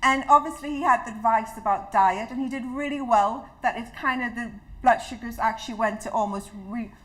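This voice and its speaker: A woman from Trinidad works the room at a community hall, delivering a health talk as an educator in a warm, personal, chatty style and restarting herself frequently. Her voice is fairly high and a little fast. The recording quality is low.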